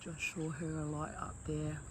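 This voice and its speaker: A woman's voice: sits low, completely flat delivery, moderate pace. An Australian woman chatting casually and cooing baby talk to pet birds, with effusive, theatrical endearments. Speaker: bird owner filming a home video. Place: outdoors in a garden at home. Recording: insect and bird noise outdoors.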